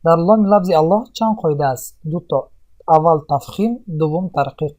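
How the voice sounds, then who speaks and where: A man patiently explaining Quran recitation rules in a lesson, repeating points with many pauses. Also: a little high, darkish tone. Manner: patient, repetitive teaching with many pauses and fillers.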